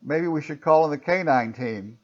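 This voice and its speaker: A man voicing a stern, suspicious male police officer, speaking gruffly and impatiently. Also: on the high side, normal speed, highs cut off, close to an everyday voice. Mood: dazed.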